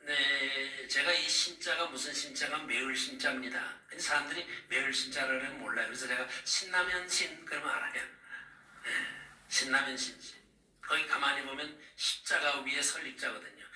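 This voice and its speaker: A middle-aged male pastor preaching, telling the story of his visions and calling out to the congregation. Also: medium pitch. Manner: animated, calls out to the congregation. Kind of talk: sermon recounting visions. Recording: echoey room, distant mic.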